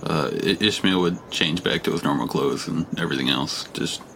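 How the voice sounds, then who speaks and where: A man playing a tabletop game, describing his character's actions in a halting, trailing way. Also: rumbling low, vocal fry, fairly bright tone, a little hiss or hum. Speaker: player. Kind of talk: casual chat.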